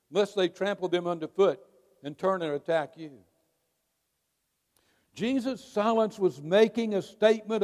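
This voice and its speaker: A man preaching a sermon to his church, emphatic, with dramatic pauses between words. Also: high-pitched, darkish tone. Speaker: pastor. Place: church sanctuary. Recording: long reverb of a large hall.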